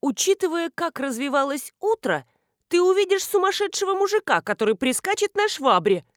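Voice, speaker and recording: Bossy excitable bride, played by a woman narrator; commanding, high and shrill. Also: a little fast, no echo, clean studio sound. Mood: mocking. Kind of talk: audiobook character reading.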